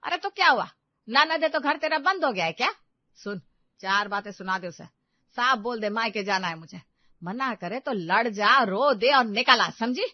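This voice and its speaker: A woman's voice: mid-range voice, moderate pace, dry recording, close to an everyday voice. A woman doing a fussy, scheming old mother. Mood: scolding. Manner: dramatic, complaining sighs. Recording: dull dry lo-fi recording.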